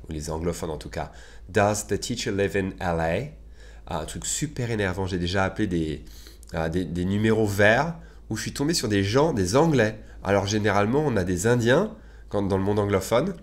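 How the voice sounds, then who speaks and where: Teacher drilling English phrases. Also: male voice, deep voice. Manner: conversational, many filler "euh"s. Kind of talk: bilingual English lesson in French.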